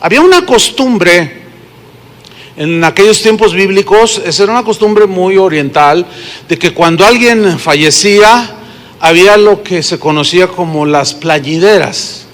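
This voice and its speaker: Speaking a little slowly, a pastor with a Mexican accent preaches expressively in a high, slightly bright voice. He tells his congregation stories and asks them questions, and the recording has long hall reverb.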